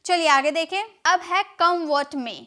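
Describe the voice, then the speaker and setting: A woman with an Indian accent teaching spoken English, repeating each phrase slowly and quizzing the listener. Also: very high voice, pushed and bright.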